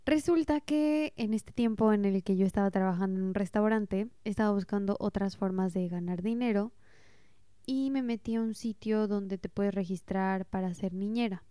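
A woman's voice: mid-range voice, normal speed, warm tone, smooth, no echo, clean studio sound. A young woman from Mexico with a Mexican accent, casually telling self-mocking stories about her slip-ups while learning a language. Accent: Mexican Spanish. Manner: chatty and self-mocking, laughs at her own mistakes. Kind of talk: casual storytelling monologue.

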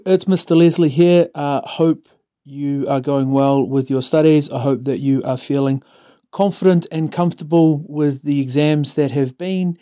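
A man's voice: fairly high pitch, dark tone. A man with a New Zealand accent giving a short reflective greeting and Bible reading to students. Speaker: school staff member giving a Bible reading.

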